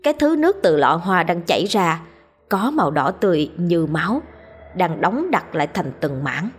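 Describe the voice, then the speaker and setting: A woman narrating a scripted horror story in a steady, dramatic storyteller's manner. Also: fairly low pitch, normal speed, a little hiss or hum.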